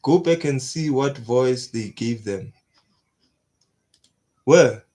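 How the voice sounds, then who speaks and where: A young man talks casually through an anime reaction and drops into slang. He often gets hyped and repeats short exclamations. His voice sits at an ordinary middle pitch. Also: slow pace. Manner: excitable, slangy, repeats "nah" in bursts.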